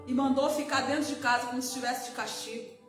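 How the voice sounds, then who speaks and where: Speaking quickly in a high voice with fairly even intonation, this middle-aged missionary preacher gives an emotional testimony sermon in a Brazilian Portuguese accent. Hallelujahs often punctuate her words. Music plays behind her in a roomy-sounding recording.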